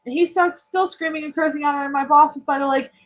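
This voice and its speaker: A young woman telling a story in casual podcast chat, animated and profane, laughing often. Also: high voice, fast talker. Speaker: podcast co-host.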